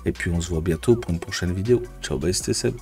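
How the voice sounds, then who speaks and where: Man, low voice, casual vlog rant, swearing, exasperated, filler-heavy. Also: quick pace, faint music behind. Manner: crude, exasperated, full of fillers like "tu vois". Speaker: YouTuber and business coach. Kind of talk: casual ranting vlog to camera.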